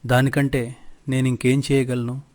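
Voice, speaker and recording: A man's voice: medium pitch, little pitch movement, moderate pace, darkish tone, lightly acted. A man voicing a wronged young wife in a narrated storybook, speaking in an earnest, pleading way.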